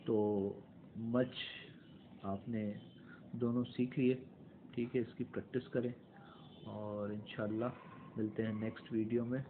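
A man teaching English grammar in a slow classroom explanation, repeating words and mixing English into Hindi. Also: mid-range voice, flat delivery. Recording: tinny phone-like audio with faint noise.

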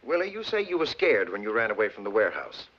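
A lawyer gently grilling a witness, husky, lively pitch, muffled old 40s movie audio. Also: male voice. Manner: measured, coaxing questioning. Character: courtroom attorney questioning a boy. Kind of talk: 1940s film acting. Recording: dull old film soundtrack.

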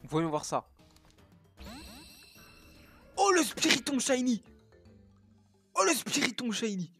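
Excitable French-speaking man gaming reactions. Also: very high voice, takes it slowly, husky, no echo, faint music behind. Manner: exclamatory, swears often, repeats his exclamations. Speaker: gaming YouTuber. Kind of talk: excited reaction video commentary.

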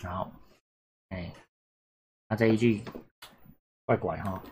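A man's voice: on the low side, fairly even intonation, slow, a little mellow, a little hiss or hum. A man teaching a casual exam-prep lesson, repeating points and checking whether students follow. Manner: chatty, repetitive, asks "懂哈？有没有？" often. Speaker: Japanese teacher.

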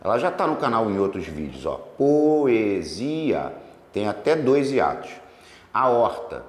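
A man with a lowish, widely swinging voice works through grammar exam questions like a teacher at the board. Lively, he stretches words out slowly to spell out their syllables. The recording sounds roomy, with a long reverb tail.

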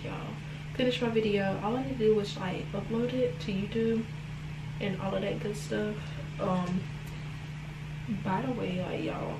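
Chatting to a camera or phone set low and close, a young adult woman vlogs at home, first indoors in a room and then in the bathroom, rambling and regularly addressing viewers as "y'all." She has a gravelly, mid-range voice, and the recording is echoey with noise.

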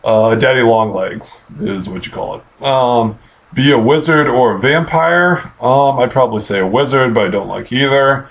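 A man in his late twenties with an American accent talks casually at a medium pitch. He answers questions off the cuff, pausing to think aloud. He is recorded on a computer mic in a small bedroom. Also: expressive, poor audio. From Missouri, United States. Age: late 20s. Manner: hesitant, halting, thinking aloud. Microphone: webcam or computer mic at arm's length.

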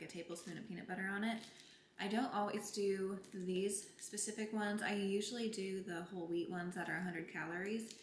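Filming in a parked car and later her home kitchen, a young woman in her twenties chats cheerfully to camera about products and meal prep for her lifestyle vlog. Her voice sits lowish, the sound is roomy, and there's slight background noise.

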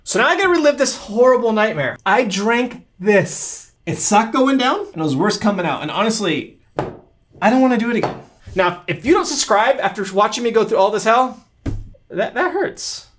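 A man's voice: high-pitched, animated, brisk, a bit bright, a little hiss or hum. A man vlogging and commenting on his own gameplay in a casual, self-mocking way, reacting aloud as he plays. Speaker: YouTube creator.

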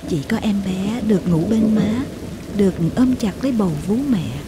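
A woman reading a heartfelt story aloud as a narrator, slow and tender in her storytelling. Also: medium pitch, lively intonation, heavy background noise. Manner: slow, tender storytelling with emotional acted quotes. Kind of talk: scripted audiobook narration.

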